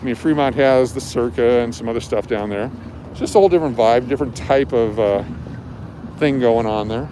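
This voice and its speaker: On a noisy, traffic-filled city street at night, a livestream host guides a walking tour. His voice is medium-pitched and mellow, and he talks fairly quickly in a casual, informal way as he explains what he sees.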